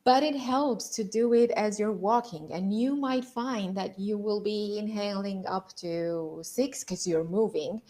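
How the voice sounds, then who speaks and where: A woman's voice: medium pitch, a little slow, hardly any pauses, mellow. A woman giving an instructional lesson as a voice and public-speaking coach, explaining with emphasis on key words.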